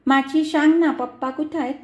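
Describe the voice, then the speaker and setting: Storybook toddler boy, innocent and pleading, with a babyish lisp and a high little voice, echoey room ; a woman puts him on. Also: fairly even intonation, normal speed, close to an everyday voice. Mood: childlike. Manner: babyish lisping speech.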